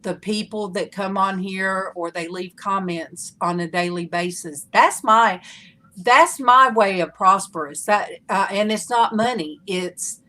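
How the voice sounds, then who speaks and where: A woman's voice: medium pitch, a little slow, pushed and bright. A woman with a Southern US accent and a drawling delivery, chatting casually as the host of a live show.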